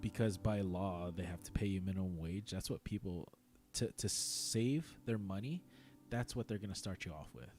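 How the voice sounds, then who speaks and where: A young man from San Diego hosting a relaxed live chat, often repeating words as he goes. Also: sits low, normal speed, soft background music. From San Diego, United States. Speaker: host. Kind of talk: casual chat on a live stream.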